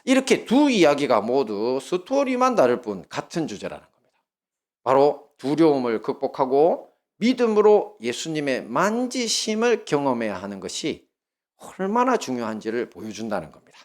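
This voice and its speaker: In a mid-range voice and at a moderate pace, a Gyeongsang-accented male pastor gives a sermon. Lively storytelling and questions to the congregation carry it along.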